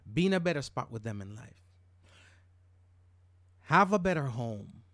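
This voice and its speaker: A man's voice: mid-range voice, big pitch swings, unhurried, fairly bright tone, no echo. A middle-aged man from Jamaica hosting a podcast, talking in an emphatic, casual monologue and repeating words when worked up. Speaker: podcast host.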